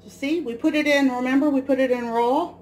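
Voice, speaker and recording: A high-voiced woman in her forties from the US Midwest speaks fairly quickly with fairly even intonation and a slightly mellow tone. She casually explains a recipe step by step while cooking in her home kitchen, captured on a counter camera mic with slight background noise.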